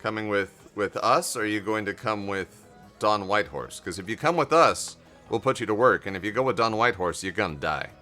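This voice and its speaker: A man's voice: on the low side, brisk, sharp tone, faint music behind. A man giving casual commentary as he plays through a video game. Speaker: gamer commenting on a playthrough.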